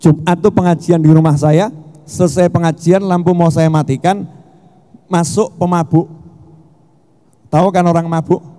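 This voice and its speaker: A middle-aged man preaching a sermon at a festival, telling stories with jokes and shouting for emphasis. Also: a little high, normal speed, pauses often. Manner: animated, joking storytelling with shouted emphasis. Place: large hall at a religious festival. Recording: long hall reverb.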